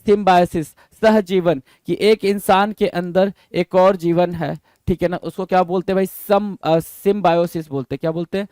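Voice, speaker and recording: A man's voice: high-pitched, fairly even intonation, darkish tone, clean tone, dry recording, clean studio sound. A man teaching a vocabulary lesson for exam prep, quizzing students and spelling words out letter by letter. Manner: reads English definitions slowly.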